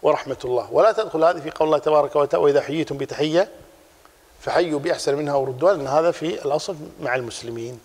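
A man teaching a religious class, explaining a text in a lively way and repeating his key points. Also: on the high side, racing, big-room sound.

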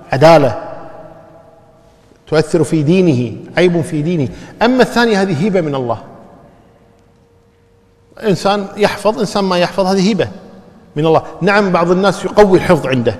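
A man's voice: fairly high pitch, darkish tone. Man lecturing in a reverberant hall. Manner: quizzes students with questions and repeats key terms. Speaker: teacher of hadith studies. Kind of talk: classroom lecture.

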